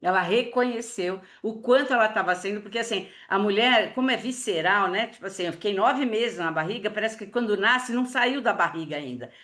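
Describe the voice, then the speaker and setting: A woman's voice: mid-range voice, a little fast, hardly any pauses, a bit bright. A woman, a family therapist giving a chatty online workshop lecture full of fillers and case stories, speaking into a computer mic on a video call. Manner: chatty, lots of fillers, acts out quoted dialogue.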